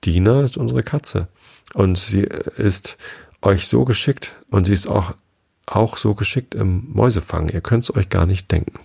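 A man's voice: sits low, normal speed, gravelly, a little mellow, husky, heavily acted. A man reading the lines of a curious, polite little girl aloud from a storybook. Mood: eager.

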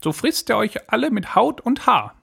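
A man voicing a loving, anxious mother goat in a fairy tale reading, in a high falsetto. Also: big pitch swings, normal speed, vocal fry, fairly bright tone, breathy edge, heavily acted. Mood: warning.

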